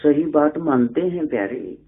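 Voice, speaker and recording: A male spiritual teacher, telling a religious story in an animated way and acting out the voices, on a tinny lo-fi recording. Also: fairly high pitch, unhurried.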